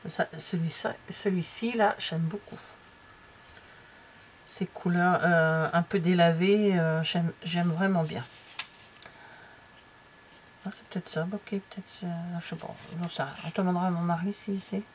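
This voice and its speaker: Middle-aged French woman, lowish voice, chatty home crafter with lots of fillers, faint background hum. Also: fairly even intonation, a little slow, long pauses. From France. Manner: chatty and hesitant, many fillers and trailing asides, drops to near-whispers. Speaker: craft vlogger flipping through a stamping catalogue. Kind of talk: casual chat.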